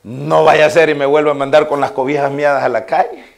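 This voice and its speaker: Salvadoran pastor preaching, slightly high voice. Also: male voice, little pitch movement, fairly quick, creaky. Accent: Salvadoran Spanish. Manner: folksy anecdotes addressed to listeners, rising to emphatic preaching. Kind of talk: sermon with personal storytelling.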